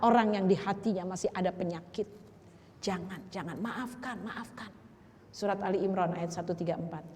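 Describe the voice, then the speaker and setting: A woman's voice: mid-range voice, moderate pace, darkish tone, in a large hall. An older woman giving a chatty, teasing sermon to a women's group, slipping in Arabic phrases and slang. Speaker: preacher.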